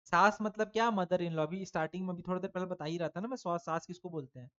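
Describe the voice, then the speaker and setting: A man's voice: high voice, steady tone, quick pace, a bit bright, dull audio. A male teacher giving an online exam-prep lesson to children, talking casually, calling the pupils "beta", and asking questions that he answers himself. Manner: asks students questions and answers them himself; chatty, addresses pupils as "beta".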